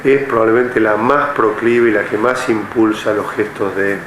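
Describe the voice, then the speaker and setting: A man's voice: lowish voice, fairly even intonation, normal speed. An older man from Argentina, a retired army general, speaking measuredly in an oral history interview with many hesitant fillers. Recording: echoey room with faint noise.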